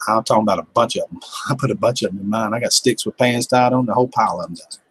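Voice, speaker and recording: Rapid-fire and on the low side, his voice is a bit bright with a breathy edge and no room sound. He's a fifty-something gardening livestream host with a Southern American accent, reading viewer comments in a relaxed, joking, folksy chat.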